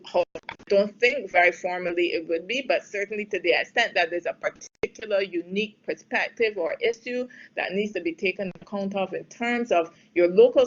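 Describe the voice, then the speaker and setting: This is a spontaneous expert Q&A on a webinar, where a woman from Barbados answers audience questions about trade and health policy. Her lowish voice comes through with the highs cut off, and she's thoughtful, using lots of fillers and restarts while stressing some points firmly.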